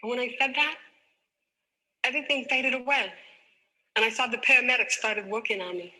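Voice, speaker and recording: A woman's voice: fairly high pitch, steady tone, a little fast, bright, forceful tone, poor audio. A woman in her forties gives a motivational talk, telling her life story in an emphatic, dramatic way. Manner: emphatic, dramatic, acts out her own past dialogue. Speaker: motivational speaker.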